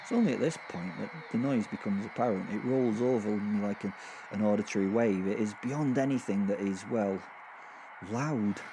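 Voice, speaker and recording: A man with a fairly low, everyday-sounding voice speaks at a moderate pace over a noisy background. Playing a sadistic, gleeful werewolf killer in a horror audio drama, he narrates in a rambling, conversational way, full of hesitant, amused understatement and gleeful awe.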